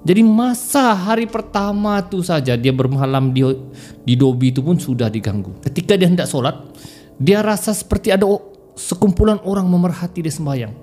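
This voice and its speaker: A man's voice: sits high, moderate pace. A man hosting a horror story podcast, telling the tale casually and acting out the characters' cries. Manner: animated, acts out voices and cries in the telling.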